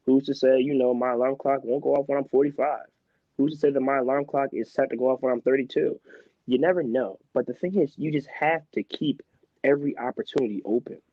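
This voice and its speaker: A man in his twenties from Philadelphia speaks as an interview guest, building his points with animated, emphatic energy. His voice sits in a middle range. The recording is close and dry, with a slightly muffled, dull tone. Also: mid-range voice, brisk, dry recording. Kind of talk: casual interview talk.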